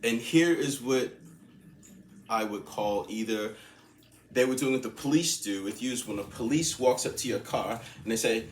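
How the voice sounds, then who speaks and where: A man's voice: mid-range voice, normal speed, a little hiss or hum. A man casually telling a long story, rambling, laughing often and repeating himself. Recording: echoey room with faint ambience.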